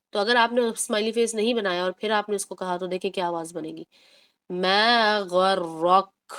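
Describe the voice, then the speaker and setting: A woman teaching a tajweed lesson, explaining patiently, mixing in English words and drawing out recited words slowly to demonstrate. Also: medium pitch. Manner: mixes English words into her talk.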